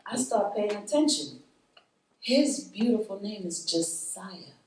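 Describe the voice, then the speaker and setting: A woman speaking to a live roundtable group, animated and preachy, laughing often and calling out to her audience. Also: medium pitch, slow. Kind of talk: spirited talk to a live group. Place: meeting room with an audience. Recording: echoey room, voice from far off.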